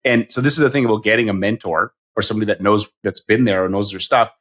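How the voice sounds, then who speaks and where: A man's voice: lowish voice, fast talker, a bit bright. A man in his fifties hosting an interview, chatty and self-deprecating, asking rambling questions. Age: 50s. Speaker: podcast host. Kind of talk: casual interview.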